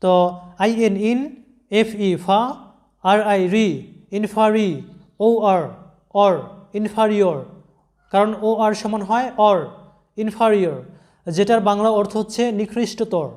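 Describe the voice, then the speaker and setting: A man's voice: sits high, fairly even intonation, measured pace, long pauses, a little mellow. A man teaching English pronunciation in an online lesson, patiently spelling out words letter by letter.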